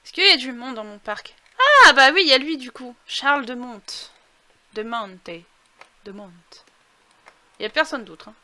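A young woman giving chatty, excitable commentary while playing a life-simulation game, talking through a headset mic. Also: high-pitched, normal speed, no room sound. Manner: chatty, excitable outbursts, thinks aloud. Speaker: gaming YouTuber. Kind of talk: casual let's-play commentary.

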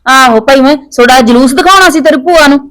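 A woman's voice: high-pitched, quick pace, a bit bright, poor audio. Woman playing a nagging mother-in-law. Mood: scolding. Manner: scolding, nagging. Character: sharp-tongued middle-aged mother-in-law. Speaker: actor in a family skit. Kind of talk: scripted domestic skit acting.

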